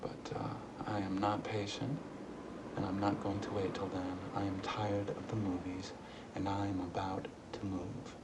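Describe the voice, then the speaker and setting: An actor playing a restless young adult son, brooding and hesitant. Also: male voice, sits low, little pitch movement, normal speed, very noisy, lightly acted. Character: restless young man son, weary, yearning to leave. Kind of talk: stage play acting.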